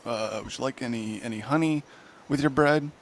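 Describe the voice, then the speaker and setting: A man's voice: medium pitch, moderate pace, a little hiss or hum, natural voice. A man doing a cheery chubby innkeeper. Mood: welcoming. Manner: welcoming, chatty. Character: cheery chubby male innkeeper, welcoming and gleeful.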